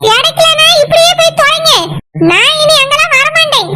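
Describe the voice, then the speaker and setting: A woman voicing an aggrieved, sharp-tongued village wife and mother in a cartoon, speaking with a Kanyakumari Tamil accent in a bitter, complaining way. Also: very high-pitched, brisk. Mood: scolding. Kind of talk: cartoon voice acting. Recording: loud background noise.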